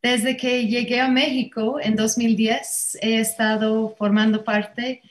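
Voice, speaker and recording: A woman's voice: fairly high pitch, level tone, takes it slowly. Woman, earnest panel introduction. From Ireland. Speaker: Alexander Technique teacher and singer. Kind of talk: panel introduction over video call. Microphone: video call.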